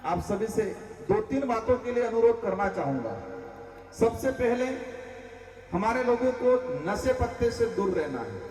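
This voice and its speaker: A man from Rajasthan giving an impassioned rally speech, full of rhetorical questions and calls to the crowd. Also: high voice. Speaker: political leader addressing a rally. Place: public gathering. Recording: echoey PA sound from far off.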